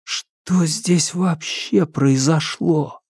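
A man's voice: on the high side, animated, slow pace, darkish tone, breathy edge, no echo, studio quality, voice pushed up, exaggerated voice. A man reading aloud and voicing a frightened, bewildered young man who speaks hesitantly. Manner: hesitant and unsettled.

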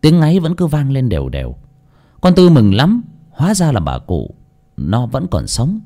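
A man narrating an audio storybook in an expressive, dramatic storytelling manner. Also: mid-range voice, normal speed.

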